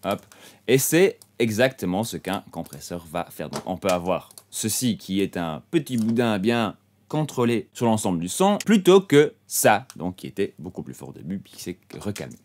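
Man, lowish voice, tutorial explanation, easygoing, interjects "hop". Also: sing-song, normal speed, a little mellow. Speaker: audio mixing instructor.

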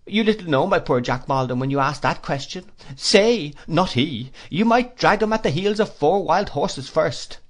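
A man reading an audiobook, voicing a pompous, gushing older woman in a high, theatrical voice. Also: animated, normal speed, hardly any pauses. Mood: emphatic.

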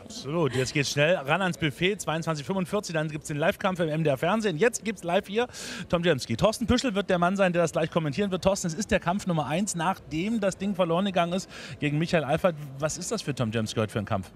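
A man's voice: on the high side, fast talker. A man in his forties presenting a live boxing show from ringside on a handheld microphone. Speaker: TV sports presenter. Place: ringside in an event hall.

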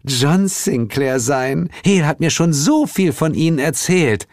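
A man's voice: on the high side, big pitch swings, takes it slowly, dry recording, clean studio sound, voice pushed up, heavily acted. A man doing a velvety sweet spring goddess. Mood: sweet cheerful. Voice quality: velvety soft. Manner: bubbly and motherly. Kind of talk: audiobook character voice.

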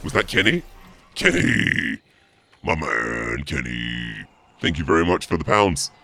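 Streaming a horror game, a man swears and mocks his way through theatrical live commentary and trash talk. His voice is deep and gravelly, sometimes run through a voice changer, and he speaks in an unhurried, sing-song way that sounds pushed and bright.

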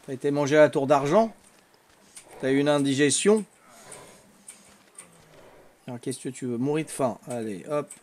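A man's voice: medium pitch, moderate pace, pauses often, a little mellow, a little hiss or hum. An older man with a Corsican accent, chatting casually and teasingly with viewers while playing a game on a live stream. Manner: teasing, chatty, peppers talk with "hein".

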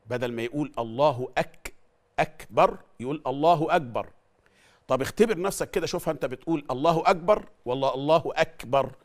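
A middle-aged man with an Egyptian Arabic accent, teaching Quran recitation, explaining in an animated way and repeating phrases to drill how they are said. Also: mid-range voice. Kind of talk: Quran recitation lesson with chanted verses.

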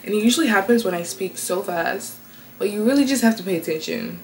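A woman host reading online confessions aloud from her bed, casual and slangy, reacting out loud as she reads. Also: mid-range voice, animated, fast, creaky, a little hiss or hum, low-quality recording. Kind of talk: casual chatty commentary.

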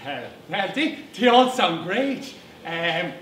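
A man's voice: high-pitched, very animated, takes it slowly, a bit bright, heavily acted. A man playing a shifty, cheerful, bumbling Irish labourer as a dating show contestant in a stage comedy sketch. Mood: eager. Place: small indoor stage. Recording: distant echoey noisy stage recording.

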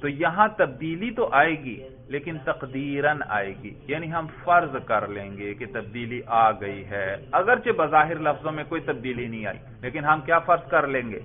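A man's voice: medium pitch, expressive. A man from Pakistan teaching a classroom grammar lesson, quizzing students, repeating their answers and drawing out word forms in a sing-song way. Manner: drawn-out chanting of word forms. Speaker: religious school teacher. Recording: tinny phone-like lo-fi recording.

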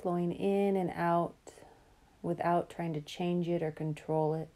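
Her voice low, mellow and very soft-edged, a woman meditation guide takes listeners through guided relaxation. The melody stays very even and level, and her calm, soothing delivery is unhurried, with long pauses left between phrases.

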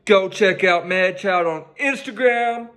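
Here the young man sounds high-pitched and a bit bright, talking slowly. He's at home in his living room with a headset mic, relaxed and profane as he hosts a reaction video and talks up the song.

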